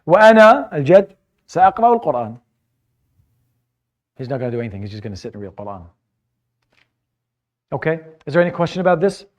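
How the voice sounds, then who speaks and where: A man's voice: on the high side, very animated, rapid-fire, long pauses, dull audio. A male teacher giving a classroom lecture, patiently explaining vocabulary and often repeating words while he searches for his phrasing. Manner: mixes English explanation with Arabic vocabulary. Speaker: Arabic teacher.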